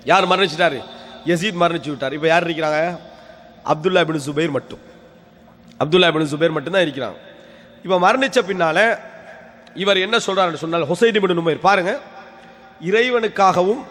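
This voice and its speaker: High-voiced man preaching in a reverberant mosque hall. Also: fairly bright tone. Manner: rhetorical questions answered himself; storytelling, repeats key phrases. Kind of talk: weekly religious lecture.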